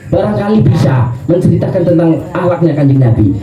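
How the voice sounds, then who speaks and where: A preacher voicing a grieving, tearful companion. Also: male voice, fairly high pitch, expressive, mellow, faint music behind, close to an everyday voice. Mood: sorrowful. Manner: sorrowful, halting. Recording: roomy, dull lo-fi recording.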